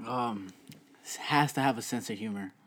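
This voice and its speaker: A man's voice: mid-range voice, moderate pace, background noise. A young man guesting on a podcast, giving brief, slightly shy answers in casual chat.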